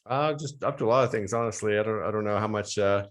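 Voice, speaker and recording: A man's voice: on the low side, fast talker. An American man speaking as a podcast guest, explaining things fluently in casual conversation. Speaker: podcast guest, strength and conditioning coach. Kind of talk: casual interview chat.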